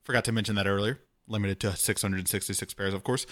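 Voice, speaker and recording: Man, podcast co-host, bright voice, chatty, quick asides. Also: on the low side, steady tone. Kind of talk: casual chat.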